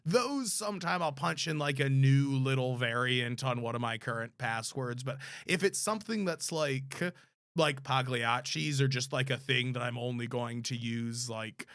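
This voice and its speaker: A man's voice: medium pitch, normal speed, fairly bright tone, dry recording, studio quality. A man co-hosting a podcast, rambling through casual chat with lots of fillers and some swearing. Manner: rambling, filler-heavy, profane. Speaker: podcast co-host. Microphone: close studio mic.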